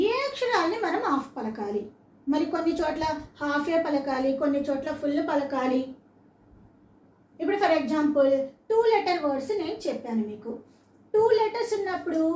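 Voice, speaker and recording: A woman's voice: sits high, a little mellow. A woman teaching a lesson to children, patiently spelling words out syllable by syllable and asking the listener questions. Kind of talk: classroom-style lesson for children. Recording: roomy echo, mic set far off.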